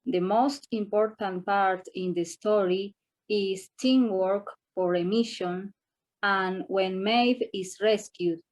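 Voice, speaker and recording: A woman's voice: mid-range voice, slow pace, a little mellow. A woman in her thirties from Argentina, a language student answering a question in a class presentation. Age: 30s.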